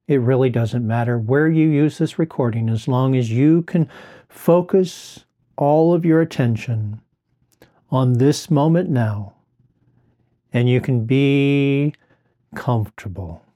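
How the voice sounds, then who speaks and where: A man slowly guiding the listener through a relaxation exercise in a soothing, drawn-out way. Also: mid-range voice, mellow. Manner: slow, soothing, drawn-out phrasing. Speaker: relaxation guide. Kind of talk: guided relaxation script.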